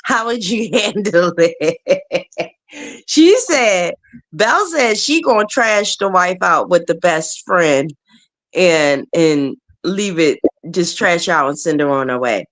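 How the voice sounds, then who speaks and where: Laughing lower-voiced woman in her forties. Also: animated, slow pace. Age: 40s. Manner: laughs often, greets viewers by name. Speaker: live show host. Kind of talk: casual chat.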